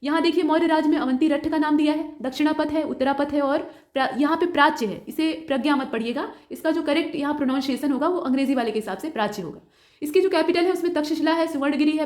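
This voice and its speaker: A woman tutor talks through quiz questions at a brisk clip, her voice sitting high. She lays out each answer option one by one and slips English terms into her explanations. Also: darkish tone. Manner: mixes English terms into Hindi. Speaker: exam prep tutor.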